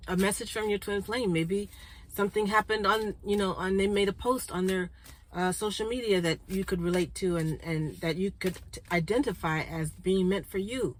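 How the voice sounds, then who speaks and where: A woman hosting a spiritual card reading for her viewers, chatty and congested, clearing her throat and often checking in with "okay?". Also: lowish voice, slight background noise, rough recording. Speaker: spiritual card reader and channel host.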